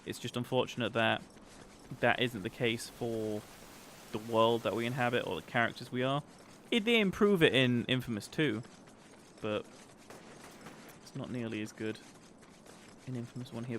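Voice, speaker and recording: A man's voice: mid-range voice, moderate pace, a bit bright. A man giving casual, chatty, explanatory commentary as he streams a video game. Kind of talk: casual livestream gameplay commentary. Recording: game ambience noise behind voice. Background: video game ambience.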